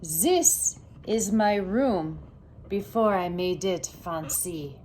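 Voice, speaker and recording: A woman voicing an excitable little girl who adores fancy things, with a dramatic, grandly precious delivery in a storybook. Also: fairly low pitch, drawn-out words, a little hiss or hum, voice pushed down. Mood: proud, delighted.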